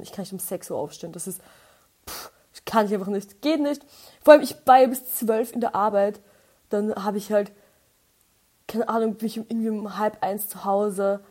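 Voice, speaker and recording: A young woman with an Austrian accent, telling everyday stories as a podcast host in a chatty, animated way and acting out the dialogue. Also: mid-range voice. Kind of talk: casual storytelling.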